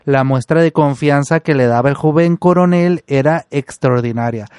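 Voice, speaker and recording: Man, storytelling then casual commentary, indignant, somewhat high voice, dry close sound. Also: normal speed, a little mellow, clean tone, no room sound.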